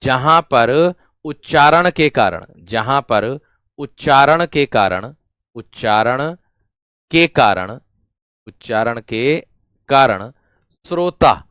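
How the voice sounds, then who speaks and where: A man's voice: mid-range voice, lively intonation, slow pace, long pauses, fairly bright tone, clear, resonant tone, no room sound, studio quality. A man teaching a grammar lesson to students, repeating each phrase again and again and calling them his friends and brave ones. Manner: repetitive, drills each phrase over and over. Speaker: Hindi teacher.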